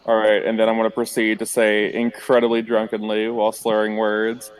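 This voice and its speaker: Male player, playful in-character banter, flat even delivery. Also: fairly low pitch, fairly quick, poor audio. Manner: playful, speaks partly in character. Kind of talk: tabletop role-play banter.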